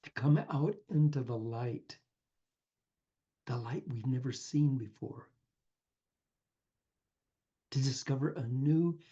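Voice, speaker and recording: A man's voice: a little high, warm tone, slightly rough, highs cut off. A man giving an earnest inspirational talk, telling a parable and calling the listener his friend. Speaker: spiritual speaker.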